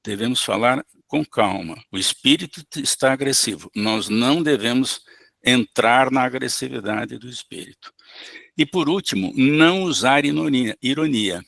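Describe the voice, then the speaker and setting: A man teaching a spiritist class over a video call, explaining slowly and calmly. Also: mid-range voice, creaky, no room sound. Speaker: spiritist course instructor. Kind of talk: online lecture.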